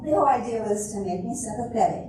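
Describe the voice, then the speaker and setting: Fast-talking and a little high-pitched, with lively intonation near her everyday voice, an older woman reads the part of a bitter, wry Cinderella who has lost faith in romance. The amateur performance happens at a retirement community event, captured by a distant mic in a very echoey room with hiss.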